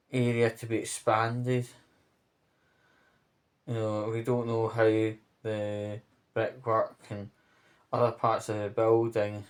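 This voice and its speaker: A man with a medium-pitched voice offers off-the-cuff spoken commentary on local news, rambling, pausing mid-phrase and checking in with the listener.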